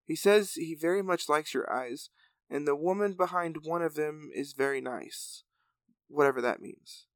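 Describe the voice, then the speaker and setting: A man's voice: a little high, moderate pace, no echo, natural voice. A man voicing Jack, a young male hero who plainly relays a lizard's messages in a read-aloud story. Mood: calm.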